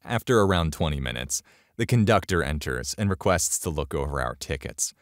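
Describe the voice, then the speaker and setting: A man's voice: a bass voice, lively intonation, a little fast, dry recording, clean studio sound. A man narrating a story in a sarcastic, exasperated way.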